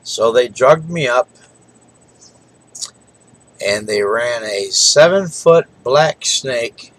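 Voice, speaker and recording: A man's voice: medium pitch, expressive, takes it slowly, poor audio. A tired middle-aged man talking casually in a rambling, folksy way late at night. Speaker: vlogger.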